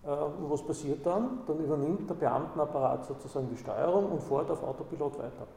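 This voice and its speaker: Man, gravelly, dark mellow tone, discursive, echoey hall. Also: fairly high pitch, brisk. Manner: discursive, tags points with "Ja?". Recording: roomy hall with long echo.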